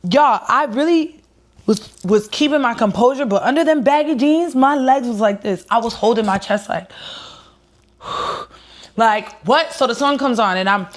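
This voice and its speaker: A woman's voice: on the high side, a little slow. A woman singer and rapper telling viewers a personal story in a casual vlog, earnest and emotional, speaking straight to her audience. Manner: excited at first, quieter and heartfelt later.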